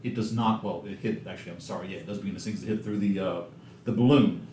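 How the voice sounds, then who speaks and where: A man with a Southern American accent running a tabletop game as game master, animated and quick to laugh. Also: low-pitched, echoey room, a little hiss or hum.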